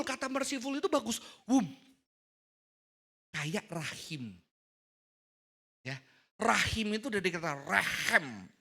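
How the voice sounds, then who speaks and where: Bright-voiced joking preacher man. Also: very high-pitched. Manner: chatty, joking, mixes in English words. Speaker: youth service preacher. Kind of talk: casual sermon.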